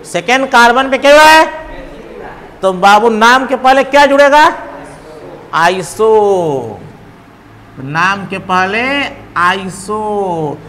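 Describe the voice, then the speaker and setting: A man teaches a classroom in a high, unhurried voice. He counts out loud, fires questions at the students and teases them playfully. The sound rings with a long hall echo over faint background noise. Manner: teasing, calls students babu, counts aloud, quizzes class. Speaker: chemistry teacher. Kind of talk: classroom lecture.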